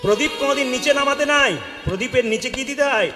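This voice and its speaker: A man with a Bengali accent giving a devotional sermon, questioning the audience and asking them to answer loudly. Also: very high-pitched, fast, soft background music. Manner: questions the crowd and calls for loud replies. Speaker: kirtan preacher. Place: hall with an audience. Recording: echoey hall with long reverb.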